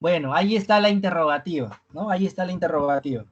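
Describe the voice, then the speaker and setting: A teacher giving a live online review class, ending almost every phrase with a questioning "¿no?" and repeating key words slowly for emphasis. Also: mid-range voice, husky, muffled recording.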